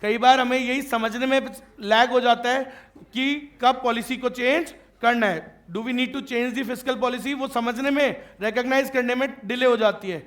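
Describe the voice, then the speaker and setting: A man's voice: very high-pitched, steady tone, a little slow, fairly bright tone. A man teaching a classroom lecture. He jokes and teases his students and keeps checking that they follow. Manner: joking and teasing with students.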